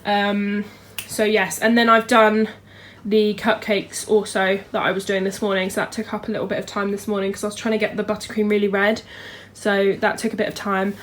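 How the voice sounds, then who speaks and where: A woman's voice: medium pitch, level tone, fairly quick, hardly any pauses, a little hiss or hum. A young woman giving a casual, chatty vlog walkthrough of her home kitchen on a handheld camera, with lots of ums. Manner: chatty, filler-heavy, showing things as she goes. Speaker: home baker and vlogger.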